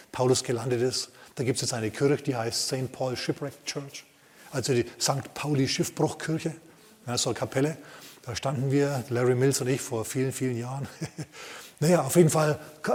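Preacher man, mid-pitched, animated storytelling sermon, long church-hall reverb. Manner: lively storytelling with rhetorical asides. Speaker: pastor.

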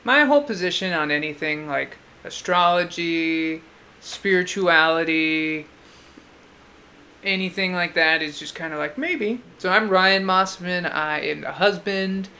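A man's voice: sits high, unhurried, bright, forceful tone. An American man co-hosting a podcast in a casual, dryly joking way. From California, United States. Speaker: podcast co-host.

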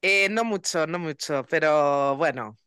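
Candid woman, lively low voice. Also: measured pace, smooth, no room sound, studio quality. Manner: candid and direct, with frequent tag questions. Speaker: copywriter guest. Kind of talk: casual conversational interview.

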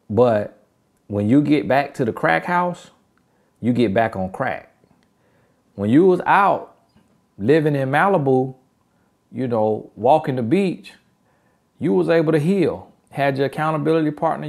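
Speaking with a country Southern accent, a man with a medium, slightly mellow voice gives relationship advice. His motivational talk is emphatic and repetitive.

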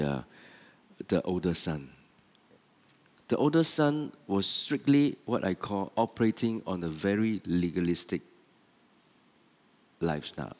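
A man preaches a sermon, repeating and restarting his phrases for emphasis. His mid-range voice moves in lively swings. The long reverb of a church hall trails behind him. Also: fairly low pitch. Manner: repetitive, stop-start emphatic phrasing.

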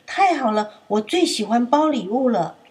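A woman's voice: a little high, very animated, normal speed, darkish tone, voice pushed up. A woman voicing a cheerful, kindly old elephant grandma in a children's story.

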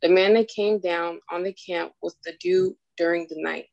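Low-voiced woman reading scripture, dry close sound, steady delivery. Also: moderate pace, gravelly, no room sound, highs cut off. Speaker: scripture reader in a study group.

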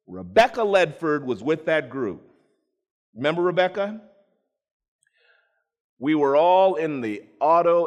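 A man preaching a storytelling sermon, animated, acting out voices and addressing listeners by name. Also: on the high side. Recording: long reverb in a large hall.

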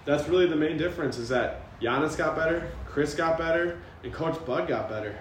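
A man on a sports podcast panel, chatting casually in a low-key way with dry quips. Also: a little fast. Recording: roomy, off-mic, faint noise.

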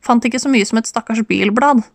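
A woman's voice: on the high side, no echo, studio quality. A woman reading the part of a blunt, defensive man who works as a car mechanic in an audiobook. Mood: dry. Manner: curt, defensive.

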